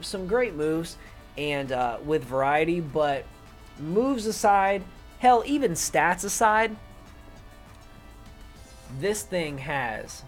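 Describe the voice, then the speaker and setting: A young man casually rambling through his picks for an online league, swearing offhand and filling gaps with "um" and "uh". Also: a little high. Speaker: YouTuber talking through his league draft. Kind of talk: casual unscripted commentary to camera.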